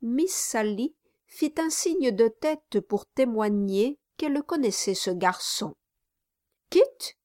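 Slow, measured woman narrating a novel. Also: on the high side, dry recording, clean studio sound. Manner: measured, even storytelling. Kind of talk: audiobook narration.

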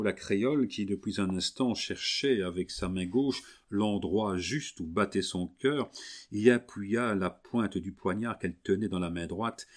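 A man narrating a classic novel in a measured, even storytelling manner. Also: fairly low pitch. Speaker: audiobook narrator.

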